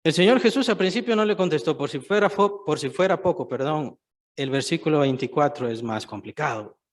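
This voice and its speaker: A man's voice: fairly high pitch, fairly quick. A man preaching a sermon, stressing points by repeating phrases and putting questions to the listeners.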